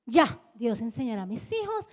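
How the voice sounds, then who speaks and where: A woman's voice: on the high side, normal speed, big-room sound. A middle-aged woman pastor, preaching a sermon and telling a personal story, acting out dialogue in shifting voices. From Colombia. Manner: animated, acts out dialogue with changing voices. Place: church.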